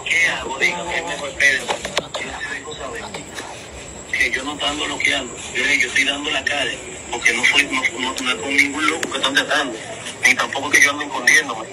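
A man's voice: medium pitch, steady tone, a little fast, very noisy. A man, arguing defensively and insistently on a recorded phone call. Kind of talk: heated phone argument.

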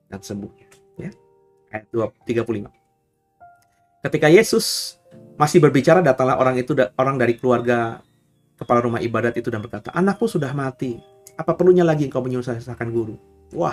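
Pastor, male, mid-pitched, animated talk-style teaching over faint music. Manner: chatty, animated, checks in with listeners. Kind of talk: casual Bible teaching.

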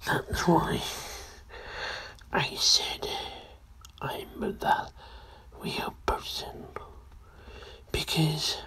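A man's voice: very slow, pauses often. A guy doing a creepy whispering hoodie man. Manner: hushed whisper throughout. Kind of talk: homemade video skit.

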